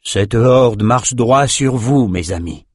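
A man voicing a grave, weary wizard who speaks slowly and deliberately. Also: a little mellow, slightly rough, no echo, clean studio sound. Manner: slow, low and deliberate.

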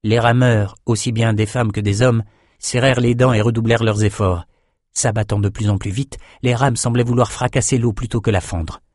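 A man narrates a fantasy novel in a steady, measured reading voice. His voice sits low, and the recording is dry and close, with no room sound. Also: no echo. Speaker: audiobook narrator. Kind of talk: scripted narration.

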